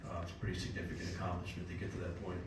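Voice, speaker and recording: Low, flat-voiced man reporting as police chief. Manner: measured, with many filler pauses. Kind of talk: formal report at a council meeting. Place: city council chamber. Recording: echoey council chamber, distant mic, background noise.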